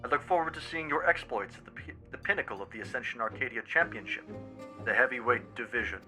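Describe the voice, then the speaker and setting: A scheming male president speaks through a voice changer, as a man puts him on, formal and coolly commanding. The processed voice sounds sharp and very bright, with a middling pitch. Soft game music plays underneath. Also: quick pace. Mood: cold, formal. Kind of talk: streamer voicing game dialogue.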